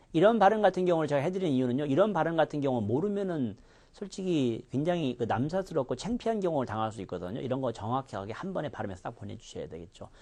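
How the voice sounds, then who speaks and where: A man's voice: fairly high pitch, a little mellow. A man teaching English pronunciation in a recorded lecture, demonstrating sounds with exaggerated contrasts.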